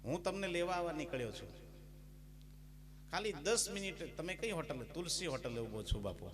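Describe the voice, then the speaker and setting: This Gujarati-accented man, a bhajan singer and spiritual storyteller, gives a humorous, folksy devotional talk punctuated by sung verses, with instrumental music playing at the live gathering. His voice runs on the high side and sounds animated at a moderate pace, with a little hiss or hum in the recording.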